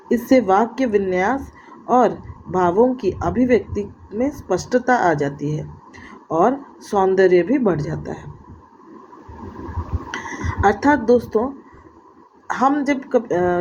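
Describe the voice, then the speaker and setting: Slow, deliberate woman teaching grammar. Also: mid-range voice, mellow. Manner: slow and deliberate, pausing mid-sentence, restarts with fillers. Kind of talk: explaining a lesson. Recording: dull lo-fi audio with faint background noise.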